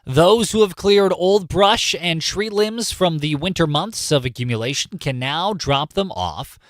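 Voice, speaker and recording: A man's voice: fairly high pitch, lively intonation, measured pace, no room sound, clean studio sound. Joking, chatty male radio news host. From California. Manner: chatty and jokey, explains things by repeating himself. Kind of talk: casual talk radio news. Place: radio studio. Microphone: studio microphone.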